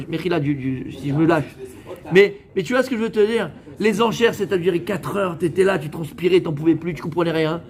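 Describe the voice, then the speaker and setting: Speaking in a high-pitched voice, a rabbi from France entertains a live audience with a humorous, energetic sermon. He talks straight to the crowd and mixes Hebrew religious vocabulary into his speech.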